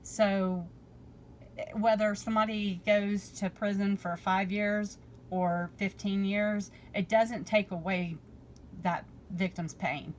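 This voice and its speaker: A woman's voice: mid-range voice, steady tone, slow, slight background noise, poor audio. A woman commentating casually, reading passages from a bill aloud and then paraphrasing them with ums and restarts, her voice a little worn. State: losing her voice. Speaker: political commentary vlogger.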